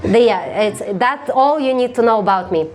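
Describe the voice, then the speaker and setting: Comedienne on a live stage, laughing often, quick jabs at the audience. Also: female voice, on the high side, expressive, darkish tone, a little hiss or hum. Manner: blunt, teasing, laughs often. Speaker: stand-up comedian. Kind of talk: stand-up crowd work.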